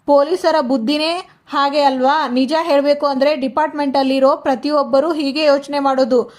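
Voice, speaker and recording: A woman's voice: sits high, fairly even intonation, brisk, close to an everyday voice. A woman voicing a reasonable man from a TV serial who soothes and reasons with a relative. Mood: pleading.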